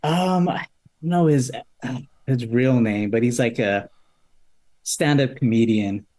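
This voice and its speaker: A man co-hosting a casual podcast livestream, relaxed and a bit halting as he talks. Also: mid-range voice. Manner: laid-back, halting. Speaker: podcast co-host.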